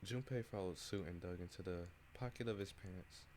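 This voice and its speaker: A man's voice: low voice, normal speed, darkish tone, slight background noise. A man streaming and reading a visual novel aloud, plain and casual, with asides.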